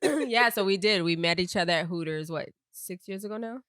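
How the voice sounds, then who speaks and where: A woman's voice: fairly low pitch, fairly quick, crowd noise. A young woman from Miami co-hosting a podcast, chatting casually and playfully with frequent laughter. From Miami, Florida. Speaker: podcast co-host. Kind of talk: casual chat.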